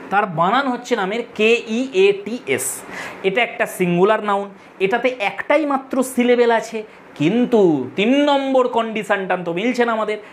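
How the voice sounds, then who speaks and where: A woman's voice: a little high, a little hiss or hum. A woman teaching an English grammar lesson to schoolchildren, explaining rules patiently and going over them step by step.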